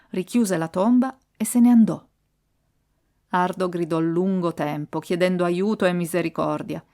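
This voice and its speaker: Una narratrice di audiolibri con un timbro basso e una lettura teatrale e partecipe. Racconta una storia classica con tono recitato. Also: female voice. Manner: expressive, dramatic reading. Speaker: audiobook reader. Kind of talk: scripted narration.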